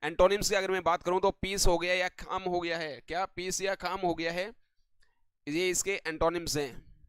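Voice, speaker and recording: A man with a high, smooth, ringing voice runs an online vocabulary lesson. He keeps repeating stock affirmations and throws quick questions at his viewers. The sound is close and dry, with no room around it. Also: fairly even intonation, a bit bright, dry recording. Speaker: English vocabulary teacher.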